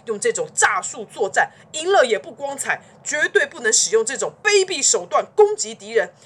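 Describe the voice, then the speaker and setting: A woman voicing a proud, stubborn ancient male duke in a children's story, declaiming loudly in a lofty way. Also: medium pitch, husky, exaggerated voice.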